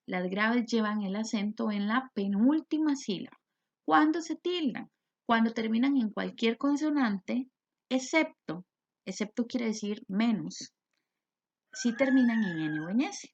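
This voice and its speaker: Costa rican lady teacher, raspy fry in her voice, asks herself questions then answers, kinda muffled lo-fi sound. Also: medium pitch. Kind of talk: recorded grammar lesson. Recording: dull lo-fi recording.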